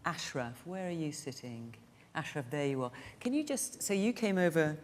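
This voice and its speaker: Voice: medium pitch, big pitch swings, moderate pace. A TV debate presenter moderating, putting probing follow-up questions to guests and the audience. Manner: probing, presses for specifics. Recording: reverberant TV studio with faint noise.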